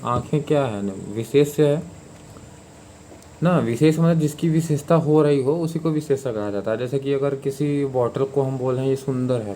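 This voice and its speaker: A man teaches a grammar lesson for exam students at a mid pitch, explaining informally and repeating himself. He keeps checking in with his listeners and fills his pauses. A faint noise sits under the recording. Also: darkish tone. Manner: informal, repetitive explaining with many fillers and "ठीक है".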